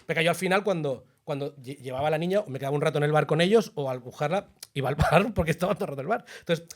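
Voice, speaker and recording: A man, co-hosting a podcast and telling a personal story in a chatty, animated way. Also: a little high, racing. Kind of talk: casual chat, then scripted narration over music.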